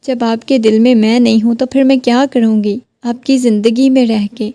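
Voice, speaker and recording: A woman's voice: a little high, fairly even intonation, dark tone, no room sound, natural voice. A woman voicing a heartbroken young wife who keeps pleading with her husband. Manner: pleading, questioning.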